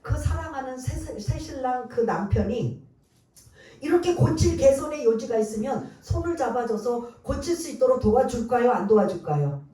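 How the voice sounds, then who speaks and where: A woman pastor preaches in a church sanctuary, her voice high-pitched, animated, and dark-toned, at normal speed, with soft music behind her. She is emphatic, quizzing the congregation with rhetorical questions, and the distant mic catches heavy church echo.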